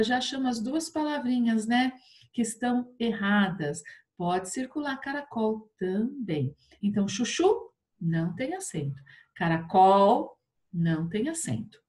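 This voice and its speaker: Patient sing-song Brazilian teacher. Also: female voice, mid-range voice, a little mellow. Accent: Brazilian Portuguese. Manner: patient, drawn-out sing-song explaining with many tag questions. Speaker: primary school teacher. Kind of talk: online class for fourth graders.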